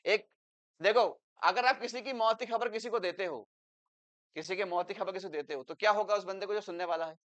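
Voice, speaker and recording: A man teaching an English grammar lesson in Hindi, explaining with English examples and turning loud and emphatic when he makes a point. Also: high-pitched, fairly quick, dull audio. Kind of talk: classroom lecture.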